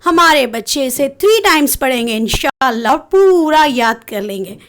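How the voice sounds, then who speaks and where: A young woman teaches small children to read, pausing over each syllable and asking them to repeat it. Her voice sits very high, and she speaks at a slow, deliberate pace. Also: lively intonation. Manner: slow, drawn-out syllable drilling. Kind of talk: children's lesson.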